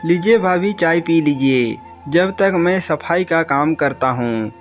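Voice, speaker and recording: A man's voice: on the high side, animated, a little slow. A man playing a humble young male house servant who speaks politely and with concern, over faint music.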